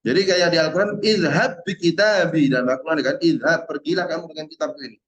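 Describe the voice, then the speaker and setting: A male teacher in an online Arabic lesson, patiently drilling verb forms and repeating each word slowly. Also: fairly high pitch, a bit bright. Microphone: video call. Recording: roomy and dull-sounding.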